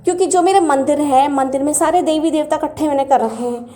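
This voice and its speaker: Woman, high mellow voice, earnest devotional storyteller, echoey room. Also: fast talker. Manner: earnest and animated, acts out quoted words. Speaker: devotee sharing spiritual experiences. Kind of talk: personal storytelling.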